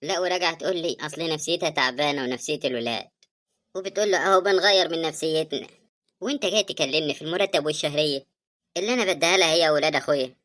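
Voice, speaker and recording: A woman voicing a grieving sister in an animated drama, speaking Egyptian Arabic in a tearful, reproachful way. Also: low-pitched. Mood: hurt, indignant. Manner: tearful, reproachful, fast talking. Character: grieving woman, hurt and bitter over her dead brother.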